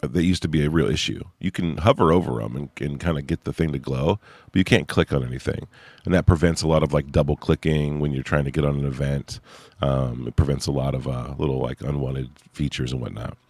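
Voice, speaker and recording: A young man demos the website he created, casually sharing his screen, rambling and thinking out loud as he goes. His voice is extremely low, darkish, and brisk, with no echo.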